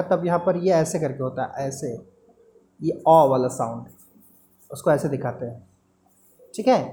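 A woman's voice: medium pitch, darkish tone. A woman teaching a lesson in Hindi with terms, explaining step by step and repeating key terms. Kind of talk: classroom lecture.

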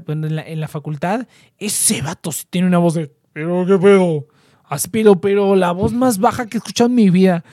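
A man's voice: high-pitched, no room sound. Slangy young Mexican guy, dry sound. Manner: slangy, animated, playful with his voice. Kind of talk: casual chat among friends online.

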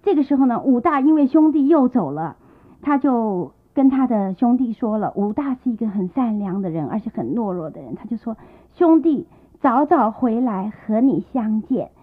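Lively high-voiced woman storyteller. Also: fairly quick. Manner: chatty, comments and laughs at the story. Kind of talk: retelling a classic novel. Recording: tinny lo-fi tape.

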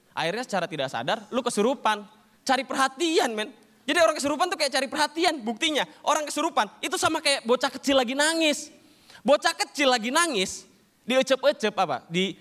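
A young man performs a stand-up set in a very high, bright voice. His delivery is loose, slangy banter that keeps slipping into acted-out scenes. He laughs along between the jokes. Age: young adult. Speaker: stand-up comedian.

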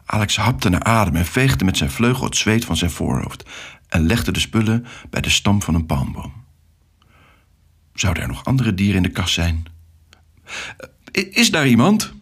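A man narrating a children's story with an expressive, animated reading. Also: low-pitched, moderate pace, slightly rough.

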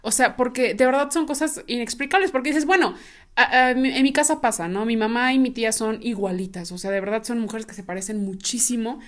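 A woman's voice: fairly high pitch, a little fast. A woman with a Mexican Spanish accent chatting casually, rambling with lots of fillers and pushing key words upward for emphasis. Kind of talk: casual chat.

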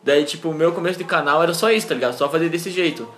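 A man's voice: a little high, very fast, fairly bright tone. A young man with a Brazilian Portuguese accent chatting casually in slangy street talk full of filler words. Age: young adult. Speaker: small online video creator. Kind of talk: casual chat.

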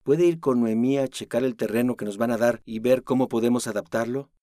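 An earnest professor who pleads in a plain, middle-pitched voice. A man voices him in an audiobook. The room is dry and close. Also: a little fast, dark tone, no room sound, lightly acted.

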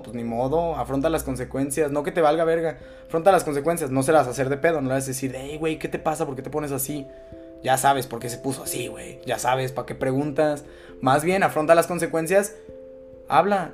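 Young Mexican podcast host, blunt and preachy, slang-heavy, light music bed underneath. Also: male voice, medium pitch. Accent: Mexican Spanish. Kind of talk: casual podcast chat.

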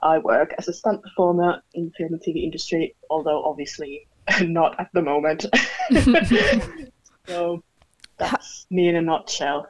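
A woman from Finland chatting as a guest over a video call, laughing often and pausing with fillers. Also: low-pitched. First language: Finnish. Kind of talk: casual chat. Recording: dull lo-fi call audio.

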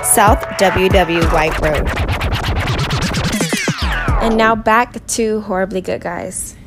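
Woman announcer over loud beats. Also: medium pitch, slow pace. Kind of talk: scripted sponsor read. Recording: over loud electronic music.

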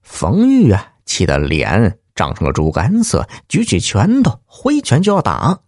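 A man narrating a folksy story in a lively, colloquial manner. His pitch swings widely as he shifts between characters, and the recording is close and dry. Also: measured pace, dry recording. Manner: lively, colloquial, acts out every voice. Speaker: storyteller host.

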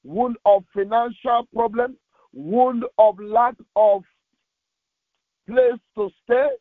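Speaking slowly in a very high voice, a man preaches and leads impassioned Pentecostal prayer, urging his listeners on with insistent repetition delivered one phrase at a time. There's no echo, and the recording sounds thin and phone-like, like radio.

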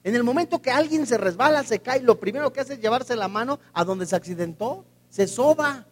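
A man preaches a sermon in a high, ringing voice. He presses his points with emphatic rhetorical questions to the congregation. A long reverb from a large hall trails after his words. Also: lively intonation, a little fast.

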